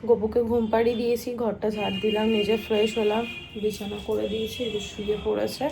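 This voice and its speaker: A young woman vlogging casually at home at night, talking softly and tiredly because she feels unwell. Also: mid-range voice, level tone, brisk, vocal fry, noisy background. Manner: soft, tired, talking quietly. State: unwell, low energy. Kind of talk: casual home vlog narration.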